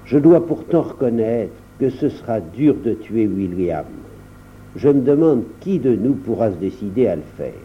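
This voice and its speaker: A man's voice: on the low side, big pitch swings, moderate pace, a little hiss or hum, voice pushed down. A man voicing a weary, reluctant man who speaks with a sigh. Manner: sighing, reluctant. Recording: dull lo-fi recording.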